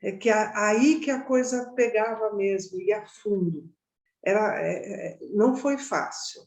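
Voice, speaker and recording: Speaking a little slowly at medium pitch, with a darkish tone, a woman guides an informal meditation class. She talks conversationally and checks in often with tag questions, while the recording has a roomy echo.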